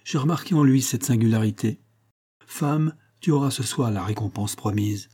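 A man's voice: mid-range voice, normal speed, warm tone, breathy edge, natural voice. A man playing an earnest city judge. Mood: resolved. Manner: earnest, pressing questions. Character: upright male city judge, determined.

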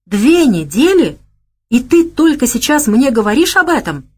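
A woman voicing a boastful, quick-tempered gangster man in an audiobook. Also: medium pitch, lively intonation, natural voice. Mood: gruff. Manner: gruff, boastful, blustering.

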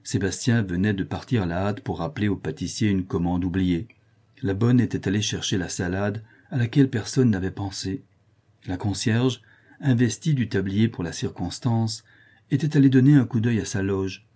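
A man reading a novel aloud as audiobook narrator, measured and expressive. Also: lowish voice, breathy edge.

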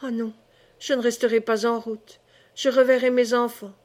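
A woman voicing an exhausted peasant mother who pleads softly for shelter, in a storybook reading. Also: a little high, flat delivery, moderate pace, close to an everyday voice. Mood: weary resolve. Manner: hushed, weary pleading.

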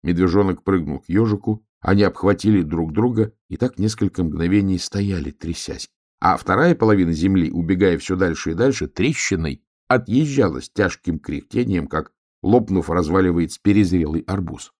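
A man narrating a children's storybook with expressive, lively storytelling. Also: sits low, normal speed. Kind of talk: storybook reading.

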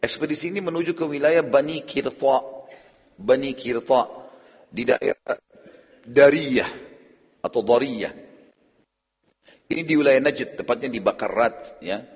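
Husky male preacher in a hall. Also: medium pitch, moderate pace. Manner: animated storyteller, acts out quoted speech. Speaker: Islamic preacher. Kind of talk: sermon-style storytelling lecture. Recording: lo-fi hall recording.

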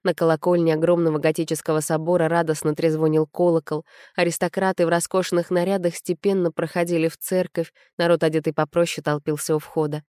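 A woman narrating an audiobook in an even storytelling manner. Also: sits low, fast, hardly any pauses, smooth, dry recording, studio quality.

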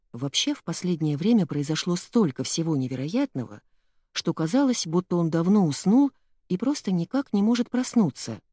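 Low-voiced woman narrating a story. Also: warm tone, no room sound, studio quality. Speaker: audiobook narrator.

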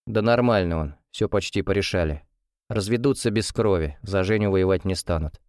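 A man voicing a calm, matter-of-fact middle-aged father. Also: sits low, normal speed, no echo, clean studio sound.

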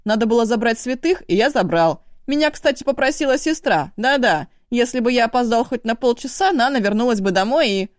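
Woman reading a cocky young brother, shrill, pleading, high-pitched, dry recording. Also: animated, no echo, natural voice. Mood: shrill protest. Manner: shrill, pleading, fast-talking.

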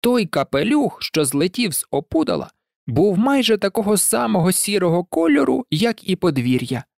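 An audiobook narrator reading a children's story in an expressive, lively way. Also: mid-range voice, moderate pace, gravelly, no echo, clean studio sound.

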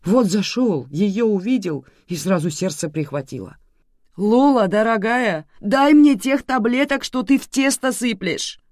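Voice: medium pitch, expressive, measured pace, a little mellow, no echo, studio quality, voice pushed up, close to an everyday voice. A reader voicing a melodramatic older man who pleads and complains in an audiobook. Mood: pleading. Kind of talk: audiobook character voice.

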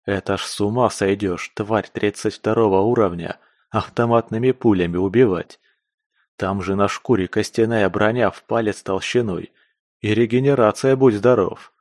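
A man's voice: on the low side, moderate pace, a little mellow, no room sound, studio quality. A man reading a first-person audiobook in a gritty, slangy, crude manner. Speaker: audiobook reader.

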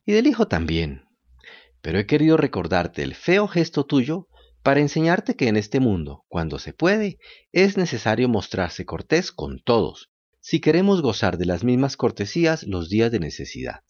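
A man voicing a wise talking cricket who gives calm, moralizing lessons in a storybook reading. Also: medium pitch, normal speed, no room sound, dull audio. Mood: lecturing.

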